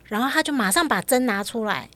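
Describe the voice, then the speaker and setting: A woman's voice: on the high side, animated, sharp tone, no room sound. Bouncy woman in her 30s, voice swoops up and down, chimes in and finishes your sentences. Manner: quick reactive interjections, finishes the other's sentences. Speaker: podcast co-host. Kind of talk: casual chat.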